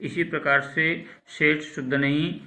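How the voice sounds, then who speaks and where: A man teaching a school language class online, slowly repeating words and contrasting wrong and right pronunciations. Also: on the high side, steady tone, sharp tone. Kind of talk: recorded online class lesson.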